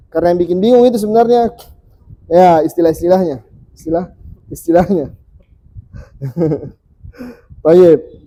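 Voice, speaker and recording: Seorang guru mengaji pria yang mengajar kelas dengan sabar, mengulang bunyi huruf perlahan untuk murid-muridnya. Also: male voice, a little high, dark tone, rough recording. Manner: patient, repeats sounds slowly for students. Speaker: Quran reading teacher. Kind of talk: teaching a class.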